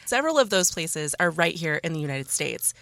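A woman's voice: deep voice, sing-song, a little fast, vocal fry, fairly bright tone, no room sound. A woman hosting a podcast, chatting casually and telling a story in a studio. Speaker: podcast host. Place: small dry podcast studio.

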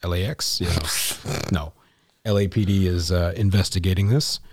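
A man's voice: low voice, moderate pace, a little hiss or hum. A man co-hosting a podcast in casual chat, rambling and profane, restarting his sentences. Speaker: podcast co-host.

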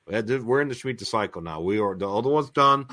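A man with a fairly low voice co-hosts a live-streamed talk. He speaks earnestly and with emphasis. He repeats himself as he presses his points. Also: lively intonation, a little fast, sharp tone. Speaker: co-host of a prophecy talk stream. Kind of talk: casual live-stream discussion.

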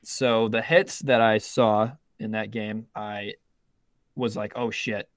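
A man's voice: lowish voice, steady tone, slow pace, no echo, studio quality. A young man co-hosting a casual sports betting podcast, talking in rambling bursts with many restarts and the odd swear word. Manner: rambling, self-interrupting, frequent restarts and swearing. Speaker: podcast co-host.

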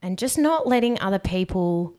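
A young woman co-hosting a podcast, reading out questions and chatting in a relaxed way about staying grounded and good energy. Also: mid-range voice, moderate pace. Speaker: podcast co-host. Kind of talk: casual podcast chat.

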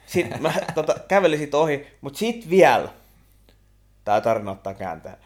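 A young man, co-hosting a podcast and telling stories in an animated, slangy casual chat. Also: a little high. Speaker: podcast co-host.

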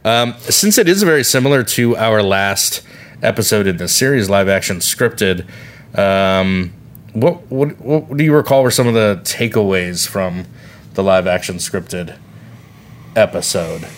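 A man's voice: fairly low pitch, expressive, a little slow. A man co-hosting a podcast in casual chat, talking in a wry, rambling way. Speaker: podcast co-host.

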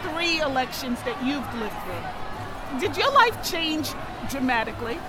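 High-voiced woman at a noisy rally. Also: very animated, measured pace, over music, crowd noise. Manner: explanatory, thoughtful. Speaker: marcher interviewed. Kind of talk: street interview.

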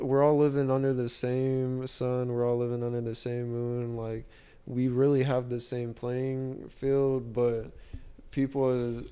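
A man's voice: medium pitch, mellow, smooth. A young man in a casual podcast chat, talking in an earnest, rambling, slangy frat-bro way. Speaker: podcast host.

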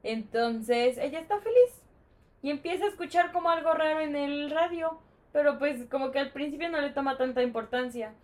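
A woman with a Mexican Spanish accent retelling a film scene in lively casual chat, full of colloquial fillers. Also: high voice, fairly quick. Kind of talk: casual movie discussion.

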